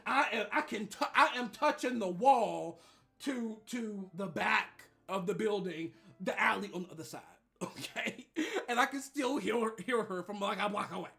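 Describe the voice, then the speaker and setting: A man streamer telling a story casually, animated and laughing often, swinging between loud and quiet. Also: high-pitched, normal speed, creaky.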